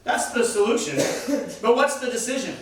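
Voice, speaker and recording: A man's voice: very high-pitched, big pitch swings, normal speed, far from the mic, a crowd in the background. A man teaching a Bible class, speaking emphatically and asking the class questions. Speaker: church teacher. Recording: echoey room, voice from afar.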